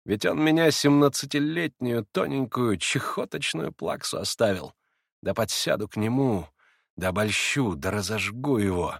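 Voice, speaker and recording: A man voicing a proud, wild young woman who speaks in impassioned, shrill outbursts. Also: expressive, moderate pace, vocal fry, no room sound, clean studio sound. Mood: frenzied.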